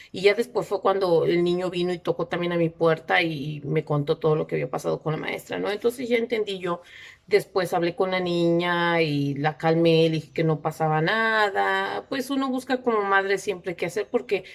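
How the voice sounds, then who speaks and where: Indignant woman telling a story. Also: on the low side. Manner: halting, many fillers and restarts, indignant. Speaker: mother telling her story. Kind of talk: casual personal storytelling.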